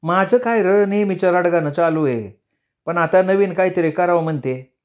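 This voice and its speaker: A man's voice: high voice, moderate pace, darkish tone, voice pushed up, natural voice. A male storyteller voicing a quarrelsome village woman, the hero's elder sister, with a scolding, taunting manner.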